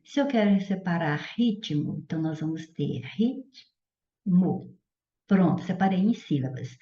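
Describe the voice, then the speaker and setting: A woman teacher with a mellow, warm voice works through a grammar lesson step by step, checking in with her students as she goes. The sound is roomy and a little dull, as if taped in an echoey classroom. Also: on the low side, expressive, moderate pace. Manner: explains step by step, often checks in with the listener.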